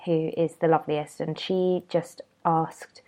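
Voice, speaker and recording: A young British woman hosts a solo podcast, chatting casually and rambling a bit in an informal, self-deprecating way. Her low, warm voice is level and a little slow, and she sounds nasal and congested from a cold.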